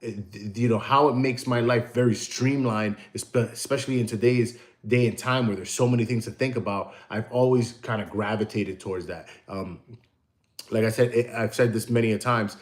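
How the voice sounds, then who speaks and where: An American man, a tattoo artist, hosts a casual livestream in a medium-pitched voice with fairly even intonation at normal speed. He rambles through long, digressive stories and answers the chat.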